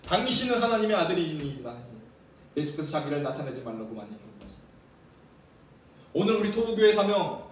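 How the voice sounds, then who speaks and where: Man, pastor preaching, high voice, very roomy hall echo, mic at a distance. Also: a little hiss or hum. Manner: animated preaching with questions to the congregation. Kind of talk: sermon. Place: church sanctuary.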